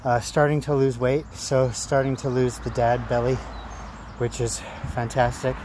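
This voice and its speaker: A middle-aged man talking casually to his phone outdoors in a halting, phrase-by-phrase way, as an amateur runner making a vlog. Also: medium pitch, level tone. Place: outdoors among trees. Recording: noisy outdoor ambience with traffic. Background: outdoor and vehicle noise.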